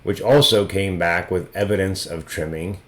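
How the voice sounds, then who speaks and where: A man's voice: sits low, fairly even intonation, moderate pace. A man hosting a casual video review of trading cards, talking loosely and thinking aloud as he goes. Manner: loose and conversational, thinking aloud with frequent restarts. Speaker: trading card reviewer and host.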